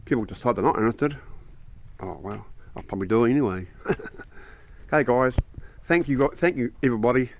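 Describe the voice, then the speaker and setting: A man's voice: medium pitch, lively intonation, fairly quick, pauses often. An older man, chatting blunt and rambling to camera outdoors on his rural property. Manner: rambling, blunt, with many restarts. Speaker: vlogger. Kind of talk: casual chat to camera.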